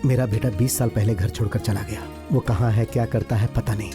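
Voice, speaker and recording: A man's voice: lowish voice, fairly even intonation, a little fast, over music, lightly acted. An actor dubbing an elderly village father who welcomes guests and gives blessings in a Hindi film dub. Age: older. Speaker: father whose son left twenty years ago. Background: film score.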